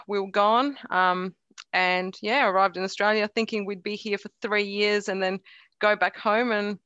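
As an interview guest, a middle-aged woman from Croatia speaks Croatian with a faint accent, laughing a lot and restarting sentences in a relaxed conversation. Her mid-range voice is a bit bright, and the recording is muffled with no room sound.

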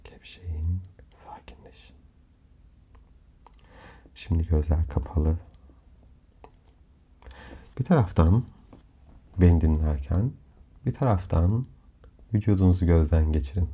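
A man hosting a guided hypnomeditation in a calm, soft, soothing voice, giving measured instructions with long pauses. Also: deep voice. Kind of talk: slow guided meditation narration. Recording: dull lo-fi audio under music. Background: clear background music.

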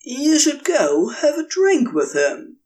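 A woman's voice: high voice, huge pitch swings, slow pace, pitched above the performer's own voice, heavily acted. A woman reading a story aloud, voicing a man's overbearing, mockingly cheerful brother. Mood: pushy cheerful. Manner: bright, insistent, mockingly cheerful. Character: pushy, overbearing grown brother, male.

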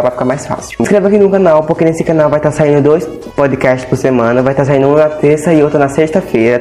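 A man's voice: mid-range voice, darkish tone. A man with a Brazilian Portuguese accent hosting a casual podcast, chatty and repeating little checks to the listener. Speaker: podcast host.

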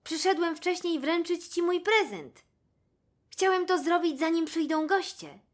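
A woman voicing a young male jackal in a children's story, speaking high and excited. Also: measured pace. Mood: eager. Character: eager young male jackal, shy and kind.

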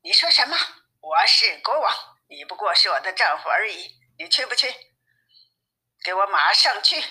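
A woman's voice: medium pitch, normal speed, bright, forceful tone. A bossy, greedy fisherman's wife, as a woman puts her on. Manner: demanding, scolding commands.

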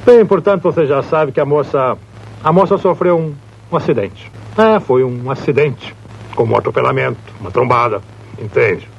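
A man's voice: medium pitch, normal speed, creaky, lo-fi sound, slight background noise, close to an everyday voice. An actor playing a domineering, wealthy boss and father who mocks and orders around his employee. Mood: mocking. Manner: mocking, bossy, theatrical.

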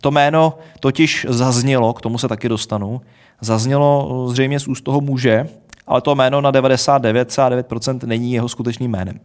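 A man co-hosting a casual podcast, explaining a mystery case in a wry, deadpan way. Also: mid-range voice. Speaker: podcast co-host. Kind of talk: casual chat, storytelling.

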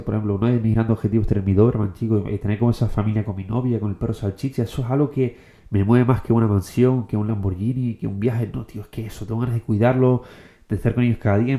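A young man from the Canary Islands giving a casual motivational monologue, slangy and quick, forever dropping "tío" and "bro". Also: fairly low pitch, mellow. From Canary Islands, Spain. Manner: slangy, fast, keeps saying "tío" and "bro". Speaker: motivational content creator.

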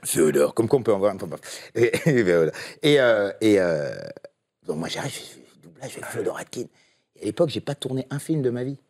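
A man's voice: fairly low pitch, lively intonation, quick pace, darkish tone. A man, a voice actor, telling anecdotes in a casual, rambling way with many hesitations. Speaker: voice actor guest.

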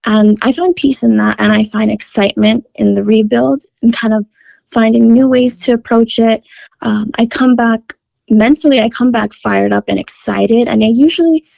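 A woman's voice: fairly high pitch, fairly even intonation, moderate pace, gravelly, darkish tone, dry recording. A woman guest on a wellness podcast, talking upbeat and enthusiastic about fitness in a conversational interview. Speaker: guest, fitness content creator.

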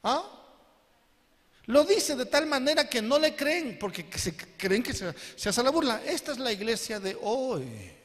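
A male pastor preaches and keeps checking with his listeners, asking again and again whether they follow him. His voice is strikingly high for a man. A long hall reverb hangs on his words. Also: big pitch swings, a little slow, fairly bright tone. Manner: asks the congregation questions again and again. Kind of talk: sermon.

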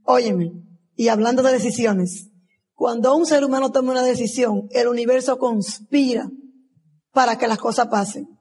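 A woman tells her story to a convention crowd. Her voice is husky. She slips into the voices of the people in it as she speaks. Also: on the high side, moderate pace, mellow. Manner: emotional storytelling, acting out dialogue. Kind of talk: motivational testimonial speech.

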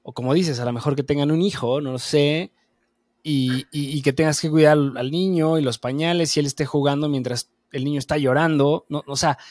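A man's voice: on the high side, darkish tone, no room sound, clean studio sound. Man asking a rambling question. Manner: asks long, rambling questions with restarts. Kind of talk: casual chat.

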